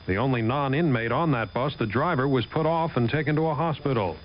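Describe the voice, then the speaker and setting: A man's voice: medium pitch, a little fast, highs cut off, a little hiss or hum. A man with an American accent reading scripted 1970s network radio news. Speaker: radio newscaster.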